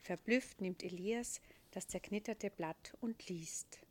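A woman reading a children's Christmas story aloud, gentle and expressive. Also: mid-range voice, slow pace.

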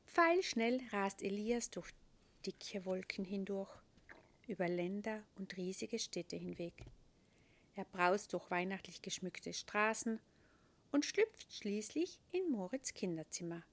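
A woman reading a children's Christmas story aloud, gentle and expressive. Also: medium pitch, slow pace.

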